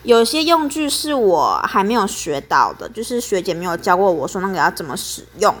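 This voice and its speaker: A woman's voice: mid-range voice, sing-song, brisk. Young woman venting in a podcast. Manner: chatty, aggrieved venting. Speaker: podcast host. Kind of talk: casual storytelling podcast.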